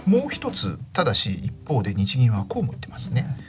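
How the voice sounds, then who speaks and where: A man's voice: medium pitch, huge pitch swings, a little fast. A man giving conversational market commentary as a financial expert, explaining things in everyday terms. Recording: music behind the voice. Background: music.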